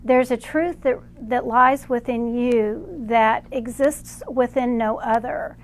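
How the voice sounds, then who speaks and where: A woman channeling spiritual guidance, speaking in slow, measured sentences and referring to herself as "we". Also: fairly high pitch, steady tone.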